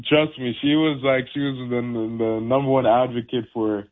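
A man's voice: mid-range voice, normal speed. A young man, a professional boxer, chatting casually and laid-back with lots of fillers and laughs. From Canada. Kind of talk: casual phone interview. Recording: tinny phone line.

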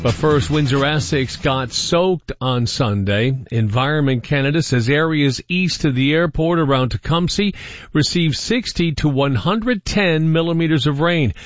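A male newsreader delivers a scripted radio bulletin, crisp and measured. His voice is slightly high and dry. The broadcast sound is a little dull. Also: dry recording. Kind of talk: scripted news reading.

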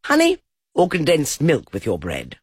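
A man doing a fussy high-voiced rabbit. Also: huge pitch swings, moderate pace, breathy edge, dry recording, clean studio sound, heavily acted. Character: fussy cautious male rabbit.

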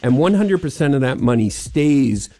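An older man with a New York accent, a restaurant owner, appears as a sponsor guest on a radio show to discuss a charity sponsorship. He speaks earnestly at normal speed with a warm, animated, medium-pitched voice, rambling a little and repeating "as far as it." Soft music plays in the background.

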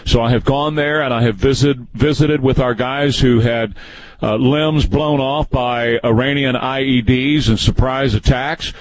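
A man's voice: mid-range voice, fairly even intonation, unhurried, poor audio. A man in his early sixties hosting a call-in radio talk show, folksy and rambling with frequent restarts. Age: 60s. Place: radio studio.

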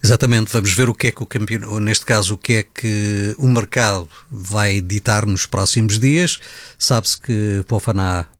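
Low-voiced sports radio host. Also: male voice, fairly even intonation, moderate pace, no echo. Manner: conversational, agreeing, uses fillers. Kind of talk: casual sports radio chat.

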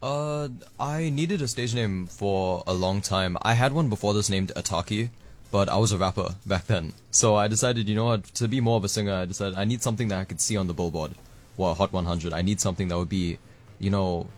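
Deep-voiced young man. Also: a little fast. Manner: relaxed, rambling, fillers like you know. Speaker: lead singer, guest. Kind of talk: casual radio interview answers. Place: radio studio.

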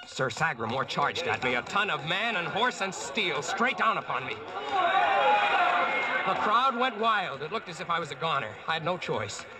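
A cocky wisecracking Yankee. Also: male voice, fairly high pitch, sing-song, moderate pace, heavy background noise. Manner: cocky, slangy storytelling. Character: brash wisecracking male American narrating his own adventure. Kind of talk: 1940s radio acting.

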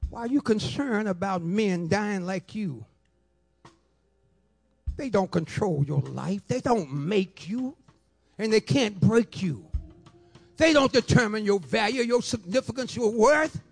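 Soft background music plays as a gravelly-voiced man in his seventies preaches his testimony with fervor, pausing often and speaking slowly. His high voice is expressive, and he repeats phrases rhythmically, now shouting, now half singing.

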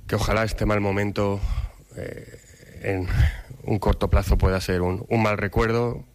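A man speaking as a club representative, giving a formal, measured press-conference statement with hesitations. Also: fairly low pitch, little pitch movement. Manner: measured, hesitant with fillers and restarts.

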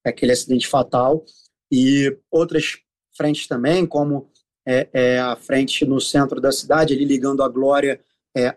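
A man with a Carioca Brazilian accent giving explanatory interview answers as a city official, often pausing and repeating filler sounds as he searches for words. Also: mid-range voice. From Rio de Janeiro, Brazil.

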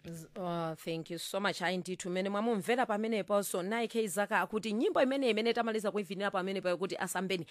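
A woman hosts a music interview, moving quickly between her questions and relaying the answers. Her pitch sits in an ordinary middle range. She talks very fast in a dry, close recording. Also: no echo. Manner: rapid, animated questioning. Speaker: interview host. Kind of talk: hosting a music interview, translating for listeners.

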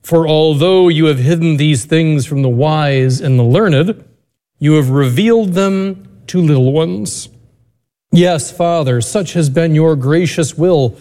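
A man, a priest reading the Gospel and giving a homily in a measured, deliberate way, his voice ringing with cathedral echo. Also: on the high side, warm tone. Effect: cathedral echo, long reverb of a large church. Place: large church. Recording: long church reverb.

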